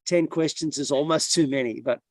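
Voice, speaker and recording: Measured man explaining on a dry call. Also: on the high side, no echo. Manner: measured and explanatory, with some restarts. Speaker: panelist. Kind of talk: casual online webinar talk.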